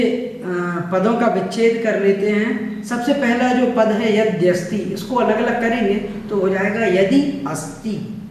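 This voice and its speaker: A man teaching a religious text, patiently repeating each word slowly so listeners can practise. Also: high-pitched. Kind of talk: scripture pronunciation lesson. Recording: echoey distant room recording.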